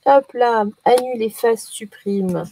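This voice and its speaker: A woman's voice: a little high, takes it slowly, noisy background. A woman giving a casual daily oracle card reading, chatty and playful, often hesitating as she talks.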